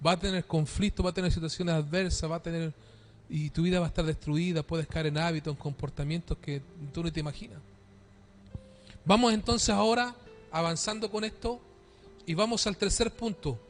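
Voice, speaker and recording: Pastor, male, high-pitched, dynamic preacher asking questions, faint music behind. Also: steady tone, a little fast. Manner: dynamic preaching, calls for amen, rhetorical questions. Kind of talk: sermon. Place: church.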